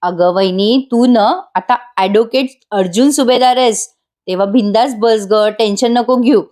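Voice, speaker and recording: A woman's voice: fairly high pitch, normal speed, a little mellow, close to an everyday voice. A woman voicing a helpful young male office assistant who reassures and takes charge. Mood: reassuring.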